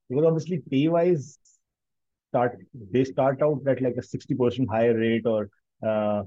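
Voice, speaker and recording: A man's voice: medium pitch, warm tone, no room sound, muffled recording. A man with a Pakistani accent talking analytically in casual conversation, often rephrasing himself mid-sentence.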